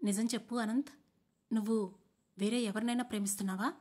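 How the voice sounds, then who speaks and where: A woman voicing a heartbroken young fiancée who pleads and demands loudly. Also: a little high, steady tone, a little fast, lightly acted. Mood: distraught. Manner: pleading, rising to loud demands.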